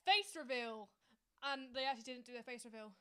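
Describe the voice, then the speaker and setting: A woman's voice: on the high side, fairly quick, sharp tone, clean tone. A young woman co-hosting a casual podcast chat, giggly and stumbling over words. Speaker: podcast co-host.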